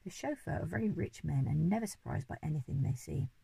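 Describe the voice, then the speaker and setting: Expressive storybook reader, husky low-ish voice, dry and close. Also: female voice, fast talker, no room sound, low-quality recording. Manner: expressive, lively reading. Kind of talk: storybook reading aloud.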